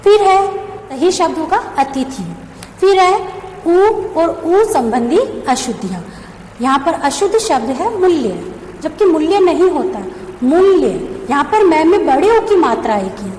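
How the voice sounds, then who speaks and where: A woman's voice: sits high, very animated, a little slow, a little mellow. A woman teacher giving a grammar lesson, asking questions and then answering them herself as she spells out letters one by one. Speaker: school teacher. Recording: echoey room with faint background hum.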